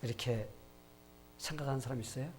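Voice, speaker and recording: Male pastor preaching, mid-pitched voice, storytelling and asking the church questions. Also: steady tone, brisk, a little hiss or hum. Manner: storytelling with rhetorical questions to the congregation. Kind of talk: sermon.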